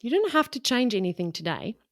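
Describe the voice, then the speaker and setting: Fairly quick and high-pitched, with big pitch swings, a middle-aged South African woman fires off frank, encouraging, punchy phrases to business owners on her solo podcast. She's a business coach with a mixed South African and Australian accent, recorded at studio quality with no room sound.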